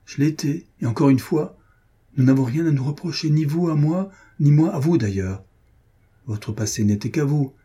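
A cold, sceptical young lover answers with cool, cutting logic, as a male reader voices him. His voice is dark and mellow with a husky rasp. It is a classic novel read aloud as an audiobook. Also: mid-range voice, close to an everyday voice. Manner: cool, cutting, coldly reasoning.

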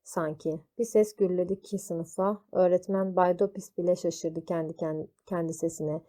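A woman reading a children's story aloud, slow and deliberate. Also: lowish voice, fairly even intonation, dark tone.

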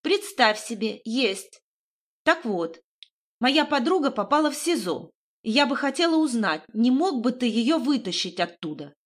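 A self-assured young woman, as the narrator puts her on, pitched high with lively swings. She is coaxing and insistent. Audiobook dialogue. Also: a little slow. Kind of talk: audiobook reading.

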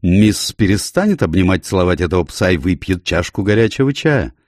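A gruff, grumbling landlady, as a man reads her, blunt in every word yet kind underneath. The voice stays low, dark and slightly husky. The recording is dry and close. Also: sing-song, moderate pace, no room sound, full character voice.

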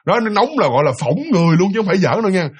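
A man's voice: sits high, expressive, racing, slightly rough. A young man telling a ghost story in a chatty way, often repeating and stumbling over words. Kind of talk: casual ghost story narration.

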